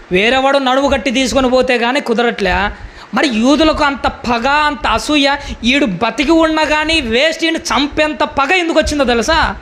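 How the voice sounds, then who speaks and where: A man's voice: very high voice, fairly bright tone. A male pastor preaching a sermon with emphatic rhetorical questions.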